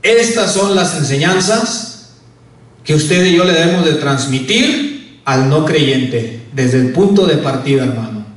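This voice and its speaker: High-voiced man preaching in an echoey church. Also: animated, measured pace. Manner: preaching, rising on key words and dropping low on each "hermano". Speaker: pastor. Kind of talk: sermon. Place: church sanctuary. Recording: very echoey church hall, voice from far off.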